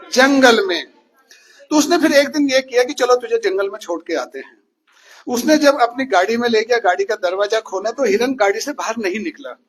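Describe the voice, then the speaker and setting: A man's voice: very high voice, a bit bright, husky. A male teacher telling a story to children in class, often asking them questions as he goes. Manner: asks questions to the listeners.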